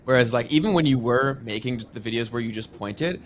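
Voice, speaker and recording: A man's voice: medium pitch, brisk, fairly bright tone. Male interview host, upbeat, encouraging, slight background noise. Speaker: podcast host. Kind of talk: casual interview.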